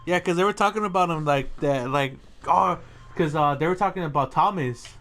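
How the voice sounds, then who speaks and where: A young man co-hosting a casual podcast, relaxed and swearing freely, laughing as he tells work stories. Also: a little high, fairly quick, noisy background. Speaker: podcast co-host. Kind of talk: casual chat.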